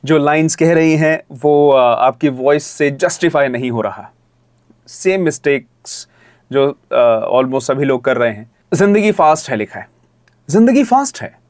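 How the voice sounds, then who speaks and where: A man coaching voice-over, giving friendly, direct feedback on recordings and jumping into energetic demo reads. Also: mid-range voice, a little slow, no echo, clean studio sound. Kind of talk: reviewing recordings, with demonstration reads.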